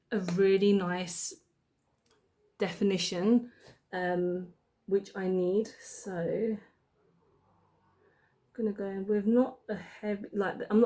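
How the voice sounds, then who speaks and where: A young woman with a warm, medium-pitched voice chats casually while putting on her makeup, thinking aloud and correcting herself along the way. She is a beauty vlogger doing a relaxed makeup tutorial.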